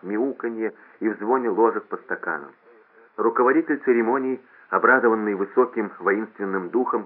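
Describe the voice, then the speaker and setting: A man reading a novel aloud in a steady, measured narration. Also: on the low side. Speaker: audiobook reader. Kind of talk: scripted narration. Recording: lo-fi phone-like audio.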